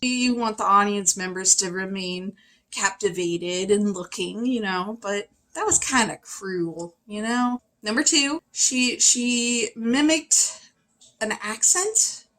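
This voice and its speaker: A woman reviewing a film in a casual, opinionated way, chatty and animated, with sudden high exclamations. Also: poor audio. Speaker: video reviewer.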